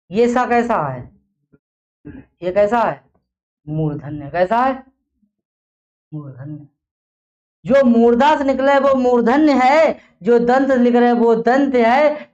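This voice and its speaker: A woman teacher giving a grammar lesson, who asks the class questions and then drops low and soft to give the answers herself. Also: dull audio.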